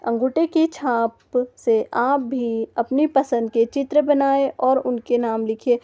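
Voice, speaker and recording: Slow, patient woman teaching little kids. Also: high-pitched, mellow. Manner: slow, patient, sounds out each letter. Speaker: primary school teacher. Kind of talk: textbook lesson for young children. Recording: dull lo-fi recording.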